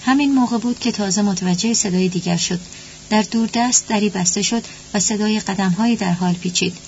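A woman narrating a story at a steady, even pace. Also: medium pitch. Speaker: audiobook narrator. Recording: dull lo-fi with faint hum.

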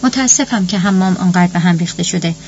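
A woman's voice: lowish voice, a little mellow, muffled recording, slight background noise, lightly acted. A woman voicing an innocent, naive little girl. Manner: naive, childlike.

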